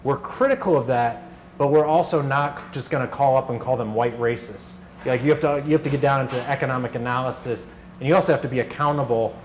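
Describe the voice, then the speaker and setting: A fast-talking man with a mid-range voice leads an informal live workshop talk as a radio organizer. Conversational, he relates anecdotes through quoted dialogue, with clear background noise behind him.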